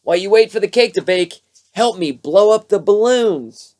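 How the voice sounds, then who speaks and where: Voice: medium pitch, expressive, normal speed, darkish tone, voice pushed up, natural voice. A narrator voicing a helpful but bossy father frog in a children's storybook, calling out instructions emphatically. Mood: instructing.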